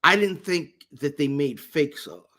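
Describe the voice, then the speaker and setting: A man talks on a podcast in a relaxed, rambling way. His voice sits a little high, and he keeps dropping "you know what I'm saying" into his slangy stories. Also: unhurried. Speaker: podcast co-host. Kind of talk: casual chat.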